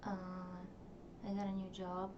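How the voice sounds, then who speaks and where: A noisy, dull home recording picks up a young vlogger from a distance as she reflects aloud to camera in her personal diary. Russian is her first language; her medium-pitched voice is monotone and slow, and she rambles with many fillers.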